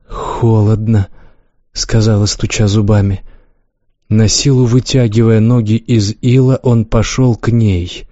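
A man reads a novel aloud in a steady, measured way, easing his pace whenever a character speaks. His voice sits low and sounds dark and mellow. The recording is dull and lo-fi, with a close, dry sound. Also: dry recording. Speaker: audiobook narrator. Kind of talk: scripted narration.

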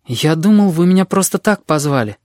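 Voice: medium pitch, expressive, a little fast, a little mellow, no room sound, studio quality, pitched above the performer's own voice, lightly acted. A reader voicing a timid, curious young boy who asks careful, wondering questions. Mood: cautious.

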